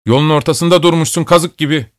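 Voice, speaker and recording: A man's voice: fairly high pitch, fast talker, pitched above the performer's own voice, natural voice. A man voicing a blunt young Cossack neighbor in a storybook reading.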